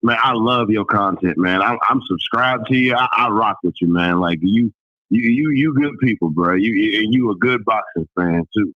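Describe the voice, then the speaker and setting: A man's voice: fairly low pitch, normal speed, dry recording. Male caller, drawl, emphatic slangy ranting with swearing, dry and very narrow phone sound. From Alabama, United States. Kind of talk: casual opinionated phone-in rant. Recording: tinny phone-line audio, radio-like.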